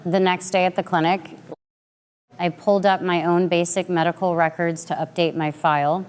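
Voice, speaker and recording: A woman in her late twenties giving a measured, dramatic first-person story narration. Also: lowish voice, little pitch movement, smooth. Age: late 20s.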